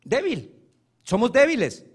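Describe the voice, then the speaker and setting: A man preaching a sermon as pastor, swinging between loud emphatic stretches and soft, hushed asides. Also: extremely high pitch, huge pitch swings, unhurried, husky.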